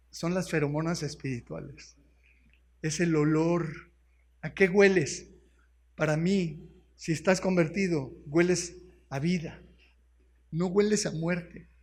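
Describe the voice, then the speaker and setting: A man with a Mexican accent preaching a sermon as pastor, often pausing to ask the congregation questions and explaining words one by one. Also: high-pitched. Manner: keeps asking the congregation questions.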